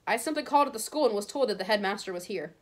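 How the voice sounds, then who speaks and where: A woman voicing a haughty aristocratic male villain in a storybook, smooth, condescending and falsely polite. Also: medium pitch, lively intonation, racing, close to an everyday voice. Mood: sneering. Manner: oily politeness, condescending drawl.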